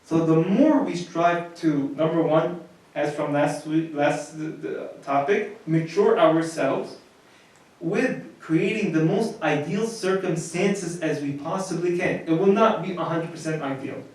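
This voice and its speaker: A man's voice: a little high, a little slow, a little mellow. A man, a priest, giving a conversational marriage lecture and often repeating words as he restarts. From United States. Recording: very echoey, from far off the mic.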